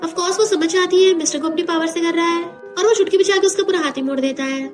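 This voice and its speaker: Fast, high-voiced woman retelling a drama. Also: steady tone, faint music behind. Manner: brisk, chatty retelling that switches between scenes. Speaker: drama recap narrator. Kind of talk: quick storytelling recap of a drama.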